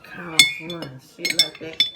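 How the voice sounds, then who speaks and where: At a meal at home, a woman at the family table gossips and talks bluntly in a low, steady voice at a slow pace. Loud clattering of dishes and cutlery makes the casual family chat very noisy.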